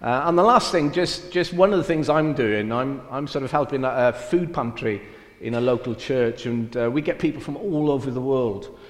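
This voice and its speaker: The recording, made in an echoey church hall with long reverb, captures a middle-aged man from Wales whose accent combines Welsh and Cockney. A mission field director, he speaks at medium pitch and normal speed, chatting self-deprecatingly with plenty of fillers in a church interview.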